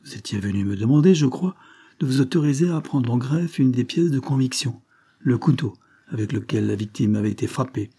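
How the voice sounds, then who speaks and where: Skeptical old-school judge, a man reading him, low mellow husky voice. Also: expressive, brisk. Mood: probing. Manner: formal, questioning. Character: probing male examining magistrate, formal and skeptical.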